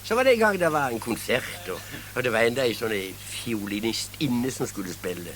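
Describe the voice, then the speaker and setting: A man's voice: mid-range voice, lively intonation, a bit bright, slight background noise. An older man with a Southern Norwegian accent telling humorous anecdotes, often chuckling at his own jokes and restarting his sentences. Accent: Southern Norwegian, Kristiansand area. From Southern Norway. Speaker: storyteller.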